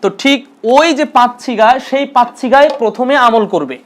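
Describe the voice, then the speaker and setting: A man's voice: very high voice, lively intonation, brisk, fairly bright tone. A man teaching an Arabic grammar lesson, patiently repeating terms and asking and answering his own questions.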